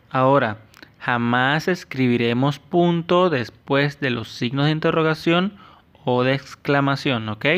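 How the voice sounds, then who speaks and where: A man with an Ecuadorian Spanish accent, a teacher giving a lesson to children, explaining slowly and carefully. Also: mid-range voice, fairly bright tone, clean tone. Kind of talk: classroom lesson. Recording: dull lo-fi sound.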